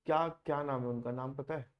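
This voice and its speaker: A man's voice: medium pitch, steady tone, brisk, lo-fi sound. A man teaching an accounting class in Hindi, often asking his students questions and mixing in English terms. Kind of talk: classroom lecture.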